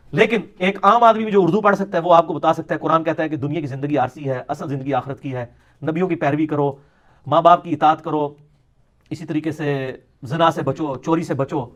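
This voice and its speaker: A man giving a polemical religious lecture, mocking his opponents and dropping into quips. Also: on the high side. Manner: sarcastic, mocking, lapses into Punjabi quips. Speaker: religious speaker.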